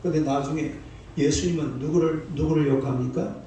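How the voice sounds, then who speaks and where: A man's voice: a little high, fairly even intonation, a little fast, warm tone. An older man in his sixties, a pastor preaching a dawn sermon in a folksy, scolding way, prompting the congregation to answer back. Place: church sanctuary. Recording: echoey church hall, mic far off, faint noise.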